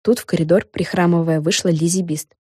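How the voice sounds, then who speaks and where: Brief: woman reading a children's audiobook, mellow and lowish, dry close sound. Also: steady tone, fairly quick, slightly rough, dry recording. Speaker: narrator.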